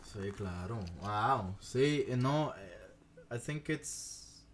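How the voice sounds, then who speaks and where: A man co-hosting a podcast in relaxed, casual chat, switching between English and Spanish mid-sentence and laughing often as he tells stories. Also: fairly low pitch, very slow. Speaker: podcast co-host, language learner.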